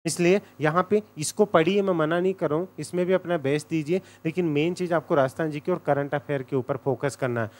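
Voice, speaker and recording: A man's voice: on the high side, brisk, hardly any pauses. A man giving a casual exam coaching lecture, direct and repetitive, often checking "okay?". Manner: direct, repeats points, says "thik hai" often.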